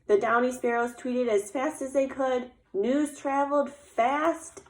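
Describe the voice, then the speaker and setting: A woman with a high voice reads a children's story aloud with expression, keeping a steady tone and a measured pace. She's a kindergarten teacher who explains the tale simply by asking questions, recorded in an echoey room.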